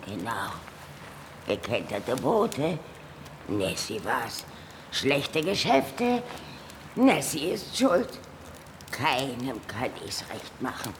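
A woman's voice: extremely low pitch, very animated, very slow, pauses often, slight background noise, exaggerated voice. A woman playing a lonely, aggrieved female lake monster in a children's audio drama, with a dramatic, self-pitying manner.

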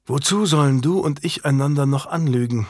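A man's voice: medium pitch, expressive, moderate pace, husky, no room sound, clean studio sound. A man voicing a furious noblewoman. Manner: scornful, biting, rising to shouted accusations. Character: fierce noblewoman, wronged wife, sharp-tongued. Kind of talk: audiobook character reading.

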